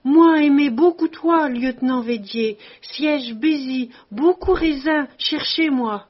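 A woman voicing a huge, jovial male ex-soldier who shouts in broken French and roars with laughter, on a dull lo-fi recording. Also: sits high, takes it slowly, voice pushed up. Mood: exuberant.

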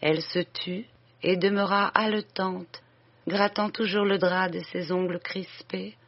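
A narrator reading a literary story aloud in a measured, solemn way. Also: mid-range voice, steady tone. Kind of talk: audiobook reading. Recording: dull lo-fi recording.

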